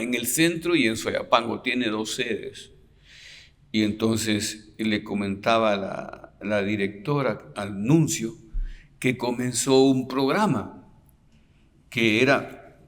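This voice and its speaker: A priest with a mid-range voice tells stories during a retreat sermon, often tagging on a questioning "¿verdad?" and dropping to a near whisper at touching moments. The recording has the long reverb of a large hall.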